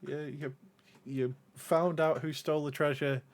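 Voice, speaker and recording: A man running a tabletop game as game master, narrating casually in a halting, informal way. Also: on the high side, steady tone, slight background noise.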